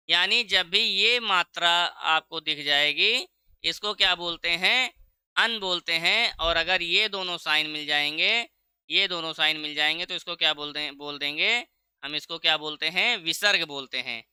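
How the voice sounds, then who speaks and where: A man with a high, bright, very crisp voice teaches an exam-prep lesson, recorded close and dry. He asks the class question after question and answers each himself, slowing down to stretch out the sounds he wants them to learn. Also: no room sound. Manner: drags out key sounds slowly when showing pronunciation. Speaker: Sanskrit teacher.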